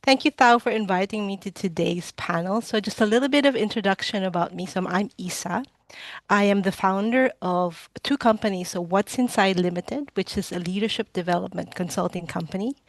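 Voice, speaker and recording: A woman speaks as a founder introducing herself to a panel, friendly and brisk. Her voice sits in an ordinary middle range. The sound is dry and close, with no room echo. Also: medium pitch.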